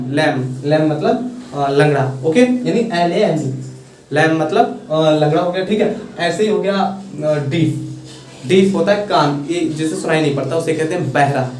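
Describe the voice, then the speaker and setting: A young Indian man with an Indian accent teaching English vocabulary in a casual lesson, repeating and spelling out words slowly. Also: fairly high pitch, a little mellow. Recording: echoey room, far from mic, faint hiss.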